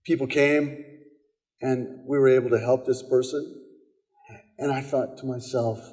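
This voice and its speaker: A man's voice: medium pitch, warm tone. A man with an American accent, a pastor delivering a conversational sermon in a church, telling stories with quoted dialogue and frequent repetitions. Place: church sanctuary. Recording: long church hall reverb.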